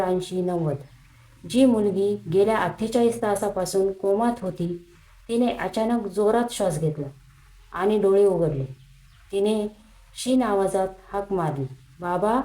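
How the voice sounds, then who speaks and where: A woman's voice: medium pitch, warm tone. A woman narrating a devotional miracle story in a dramatic, earnest way. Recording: roomy echo.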